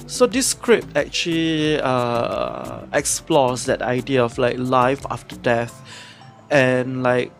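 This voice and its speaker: A man co-hosting a podcast, talking casually and reflectively about his writing, often pausing with fillers as he searches for words. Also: medium pitch, animated, soft background music. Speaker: podcast co-host, playwright.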